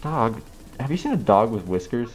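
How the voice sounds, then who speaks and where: A man in a fursuit chatting with strangers on a video chat, calm and dry with a teasing sense of humor. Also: mid-range voice, normal speed. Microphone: talking from inside a fursuit head.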